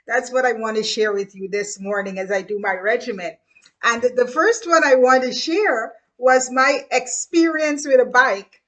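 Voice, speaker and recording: This middle-aged Guyanese host has a bright, forceful voice on the high side, recorded with poor audio. Speaking in her Guyanese accent, she chats casually through childhood stories, repeats phrases and laughs occasionally while remembering.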